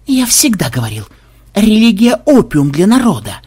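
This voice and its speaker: A brash young warlock programmer, as a male reader puts him on, loud and excitable, his voice leaping high and swinging all over as he yells. The tone is husky and breathy. It sounds like a lively storybook reading. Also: moderate pace, full character voice. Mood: yelling. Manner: loud, excitable, often yelling.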